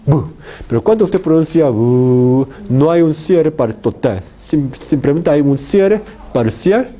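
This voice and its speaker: Slow, deliberate male lecturer. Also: on the high side, animated, mellow. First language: Korean. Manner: slow, repeats example words over and over. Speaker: university lecturer. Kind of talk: phonetics lecture.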